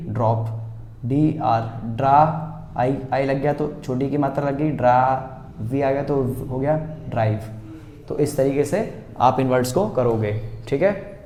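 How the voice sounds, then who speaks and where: A man teaching basic English reading in Hindi, sounding out words slowly, repeating them and asking the viewer how to read them. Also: mid-range voice, mellow, reverberant, slight background noise. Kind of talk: spoken classroom lesson.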